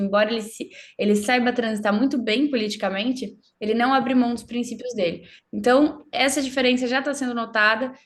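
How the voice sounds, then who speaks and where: A woman from Brazil, a guest in an interview, explaining her views in a fluent, assertive and emphatic way. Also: mid-range voice. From southern Brazil.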